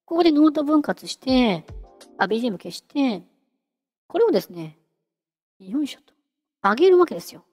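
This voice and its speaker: A woman hosting a casual software tutorial, chatty and giggly, talking her way through a live demo. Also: high voice, very animated, fairly quick, pauses often, long reverb tail, soft background music. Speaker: VTuber host teaching singing-synth software.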